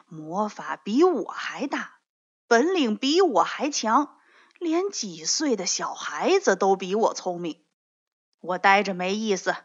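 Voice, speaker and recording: A woman voicing a kindly old male immortal in a children's story, speaking slowly and soothingly. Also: mid-range voice. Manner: slow, soothing, drawn-out words. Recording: dull lo-fi recording.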